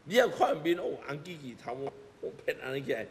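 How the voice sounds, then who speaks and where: A middle-aged man with a Taiwanese accent, a Buddhist master, delivers an emphatic sermon to a seated congregation in a temple hall, leaning on rhetorical questions and repeated phrases. His voice runs high with big pitch swings and a brisk pace. The echoey hall carries a music bed underneath, along with a little hiss or hum.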